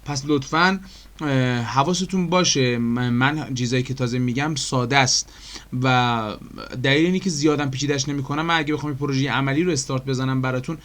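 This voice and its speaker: A man's voice: medium pitch, fairly bright tone. A man with an Iranian Persian accent giving a chatty screen-recorded animation tutorial, explaining step by step with frequent fillers and questions to his viewers. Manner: addresses viewers as dear friends.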